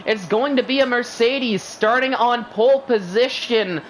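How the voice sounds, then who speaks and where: A male esports racing commentator, a native English speaker, gives live sim racing play-by-play in an extremely high, slightly bright voice at a somewhat slow pace. He is upbeat, loose, and chatty, heavy on filler. The rough recording carries a little hiss or hum.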